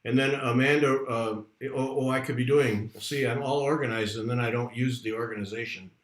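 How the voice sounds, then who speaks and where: A man's voice: mid-range voice, steady tone, a little fast. Man in an echoey room, chatty host. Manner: chatty, rambling. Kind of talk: casual livestream chat. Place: room at home, not soundproofed.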